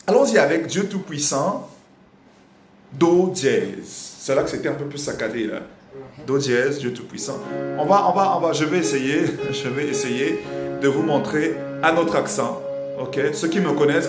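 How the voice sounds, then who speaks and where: A man from Congo teaching a singing lesson, explaining with lively repetition and breaking into sung examples. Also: medium pitch, echoey room. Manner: animated, repeats phrases while explaining. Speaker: vocal coach.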